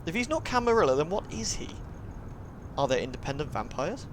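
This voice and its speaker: His fairly high voice is sing-song and a little fast, with background noise around it. A live streamer, he reads a visual novel's narration with drama and breaks into playful, chatty asides to his audience.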